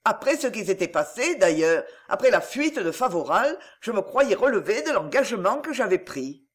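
A man's voice: high-pitched, very animated, normal speed, fairly bright tone. A man doing a stammering cowardly financier. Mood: defensive. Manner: pleading, stammering. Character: cowardly greedy middle-aged financier, stammering.

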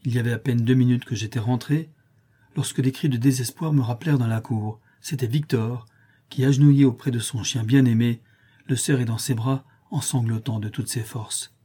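A man reading a novel aloud as narrator, in a steady, measured storytelling manner. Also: medium pitch, husky. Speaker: audiobook narrator. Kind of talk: scripted narration.

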